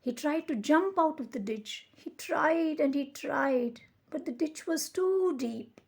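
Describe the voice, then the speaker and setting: A high-voiced woman reads a children's picture book aloud as a storyteller. She gives the words expressive, deliberate emphasis.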